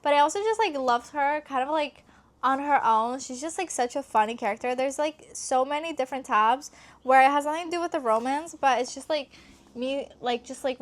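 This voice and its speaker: A young woman from Greece giving a chatty, casual book review in a vlog, with lots of filler words. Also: on the high side. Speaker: book vlogger.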